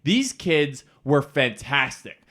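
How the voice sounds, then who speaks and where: Excited young man, casual podcast chat. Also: mid-range voice, slow pace. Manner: excited, animated, swearing freely. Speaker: podcast co-host.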